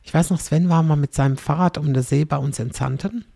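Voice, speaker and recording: A woman's voice: low-pitched, fairly quick, creaky, dark tone, slightly rough, no echo, studio quality. A middle-aged woman comedian chatting in a rambling, storytelling way, always checking in with the listener. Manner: chatty, rambling, tag questions "ne?". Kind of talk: casual storytelling monologue.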